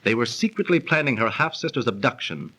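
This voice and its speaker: With soft music behind him, a man speaks at medium pitch, fairly quickly, in a pushed, bright tone full of big pitch swings. He is an actor in 1930s radio storytelling, playing an amiable, knowledgeable young man who explains legends theatrically. The clip is an old radio transcription from that decade.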